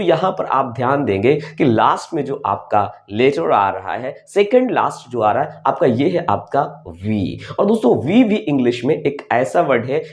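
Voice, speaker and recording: An animated man with an Indian accent gives a video lesson on English pronunciation, his pitch leaping around a middle register. He repeats each word twice in the manner of a patient teacher, recorded on a close mic.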